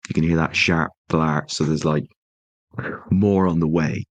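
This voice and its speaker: Low-voiced game master. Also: male voice, fairly even intonation, a little slow, no room sound. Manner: loose, descriptive scene-setting. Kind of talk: narrating a tabletop game.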